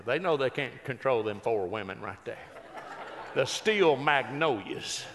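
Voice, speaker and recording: A man's voice: medium pitch, lively intonation, unhurried, vocal fry, long reverb tail, background noise. A man, telling folksy stories and teasing a live audience from a stage. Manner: folksy, chatty, teasing the crowd. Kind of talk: stand-up storytelling to a live audience.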